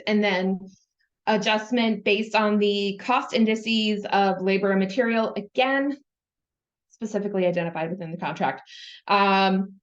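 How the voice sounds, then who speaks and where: Woman presenting webinar slides, lo-fi audio. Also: medium pitch. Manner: conversational, many fillers while explaining. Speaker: presenter on government contract auditing.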